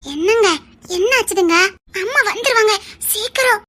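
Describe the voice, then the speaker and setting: A woman's voice: extremely high pitch, moderate pace, a bit bright. A woman with a Tirunelveli accent playing a young lover who fusses over him and scolds him tenderly. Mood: pleading, teasing. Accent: Tirunelveli Tamil. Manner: scolding, fussing, affectionate. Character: young woman Anandhi, doting and fussy lover. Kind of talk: web series drama.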